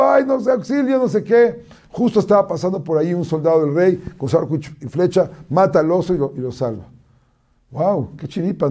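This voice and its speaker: A rabbi teaches in a storytelling way, his fairly high voice mellow and soft-edged. He restarts phrases often and throws his voice up when he acts out cries. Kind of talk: sermon-style teaching talk.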